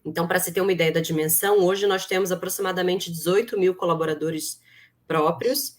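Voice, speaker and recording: This interview guest, a human resources executive, is a middle-aged woman from Brazil raised in Rio de Janeiro. Her lowish voice holds a steady tone and moves a little quickly, and she explains conversationally with a Brazilian accent.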